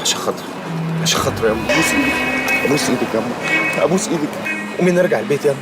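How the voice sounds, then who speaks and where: Egyptian son, pleading, rapid, male actor, loud score underneath. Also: mid-range voice, animated, close to an everyday voice. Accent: Egyptian Arabic. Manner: insistent, pleading. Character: pleading son, young man, emotional. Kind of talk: TV series acting. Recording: loud music score behind.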